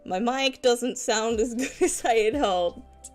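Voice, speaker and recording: A woman chatting casually on a live stream in a cute, girlish anime-streamer manner, giggly, expressive and playfully dramatic. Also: on the high side, slow pace, soft background music. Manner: giggly, frequently breaking into laughter.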